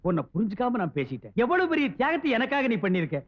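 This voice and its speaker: An actor playing a TV shop owner who speaks in theatrical, hammy comic film dialogue. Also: male voice, very high voice, huge pitch swings, heavily acted. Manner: theatrical, hammy, swings between slow and rushed. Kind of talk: 1990s film comedy dialogue. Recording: dull, dry old film soundtrack.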